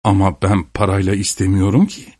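A man's voice: deep voice, little pitch movement, brisk, dark tone, breathy edge, dry recording, studio quality. A man voicing a grumbling old peasant father. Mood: pleading.

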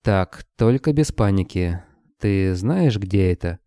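A man voicing a sharp-tongued huntress. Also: sits low, lively intonation, slow pace, no echo, studio quality, heavily acted. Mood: firm. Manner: sharp, scolding. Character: tough young woman monster hunter, sharp-tongued.

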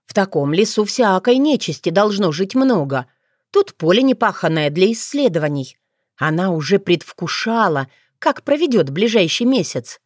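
A woman narrating a fairy-tale story aloud in a lively, expressive reading. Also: medium pitch, moderate pace, no echo, clean studio sound. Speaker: audiobook narrator.

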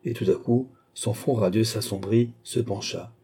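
A man narrating a classic novel in a measured, even storytelling manner. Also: fairly low pitch, creaky, slight background noise. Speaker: audiobook narrator. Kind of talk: scripted literary narration.

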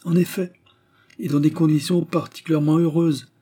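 A man's voice: mid-range voice, animated, normal speed, dark tone, husky. A man reading an audiobook voices a scheming prince and police chief who speaks in a cold, ironic, cynical way.

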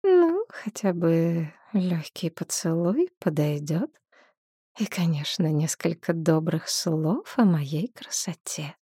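A woman's voice: fairly low pitch, expressive, unhurried, dry recording, studio quality. Woman doing a coy, teasing shrine maiden. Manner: playful, coy, drops to a soft whisper.

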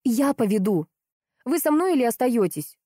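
Blunt fiery young woman with a high snappy voice and mellow tone, a woman doing her. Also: lively intonation, normal speed, no echo, clean studio sound. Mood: cold anger. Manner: loud, snapping and sarcastic.

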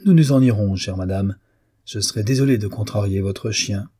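A man voicing a calm, stubborn young violinist in a low, husky voice. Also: normal speed, no room sound.

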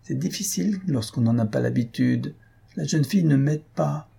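A man's voice: mid-range voice, lively intonation, moderate pace, vocal fry, dark tone, husky, pitched above the performer's own voice, heavily acted. A man voicing an awkward, eager male suitor who talks in an earnest, fumbling way, for an audiobook. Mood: nervous. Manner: earnest, fumbling, then bursting with joy. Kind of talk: audiobook character voice.

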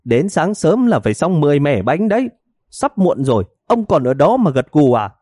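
A man's voice: fairly high pitch, very animated, normal speed, dark tone, breathy edge, dry recording, clean studio sound, pitched above the performer's own voice. A man voicing a hot-tempered middle-aged village wife who scolds and wails melodramatically in a storybook reading. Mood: scolding.

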